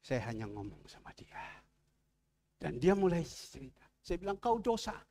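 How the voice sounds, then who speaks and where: A man preaching a sermon as a pastor, acting out the people in his stories with a raised voice and dropping low to make his point. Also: moderate pace. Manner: animated, acts out quoted people with a raised voice, then drops low to preach.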